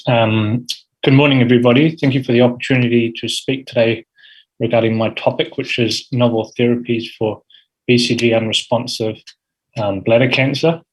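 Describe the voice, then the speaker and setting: A man in his thirties with a New Zealand accent, a urology fellow, gives a grand rounds talk, an academic medical presentation punctuated by frequent ums and uhs. His voice is medium-pitched with fairly even intonation at a normal speed, on a rough recording.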